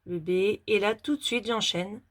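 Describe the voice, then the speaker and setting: Woman teacher walking little kids through writing letters, slow and careful, explains every stroke. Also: mid-range voice. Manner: slow, step-by-step demonstration while writing. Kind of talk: handwriting lesson for young children.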